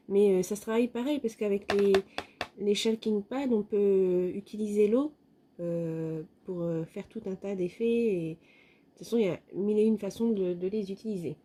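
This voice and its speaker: A woman's voice: medium pitch, mellow. A woman vlogging a craft haul in casual chat, hesitating often with fillers and adding playful self-mocking asides. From France. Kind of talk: casual product review talk.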